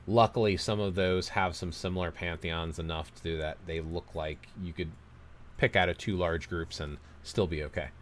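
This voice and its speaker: A man with a very deep voice talks loosely on a livestream. He rambles through his opinions and cheerfully mocks himself for going on too long. He reads viewer comments aloud and answers them. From United States. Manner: rambling, opinionated, self-deprecating. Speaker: livestream host reading chat comments. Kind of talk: casual livestream chat.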